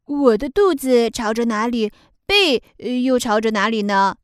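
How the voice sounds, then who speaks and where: A woman voicing a curious little female snake student, asking gently. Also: on the high side, expressive, a little slow, smooth, no echo, clean studio sound.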